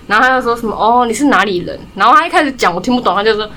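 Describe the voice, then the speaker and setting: A young woman from Taiwan chatting casually, telling stories in quick run-on clauses. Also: a little high, animated, sharp tone, slight background noise. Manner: rapid storytelling, strings clauses with "然后". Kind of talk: casual chat.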